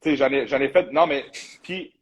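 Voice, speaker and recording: A man with a Quebec French accent chats loosely as a bodybuilding coach hosting a show. His voice sits at a middle pitch with a husky, slightly rough edge. He talks freely and drops English slang into his sentences. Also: brisk, lo-fi sound. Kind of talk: casual live chat.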